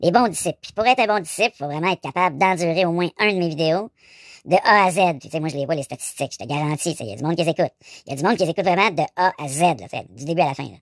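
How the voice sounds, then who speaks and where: Québécois dude in his 40s talking fast on a call, rambly, dry close sound. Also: a little high, expressive, no room sound. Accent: Québécois French. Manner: rushed, chatty, full of filler tags. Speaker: YouTuber on a phone call. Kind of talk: casual phone chat.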